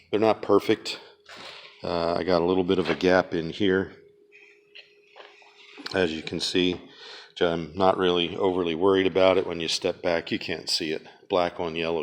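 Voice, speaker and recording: A man from Pennsylvania giving a casual, halting walk-around of his car restoration project, with lots of ums and uhs, filmed on a handheld camera in a garage. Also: low voice. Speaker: DIY car restoration vlogger.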